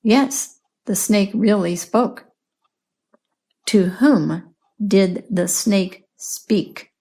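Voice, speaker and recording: Slow, gravelly-voiced woman teaching English. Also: medium pitch, warm tone. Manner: patient, repeats and explains words. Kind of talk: slow, clear language lesson with questions and answers.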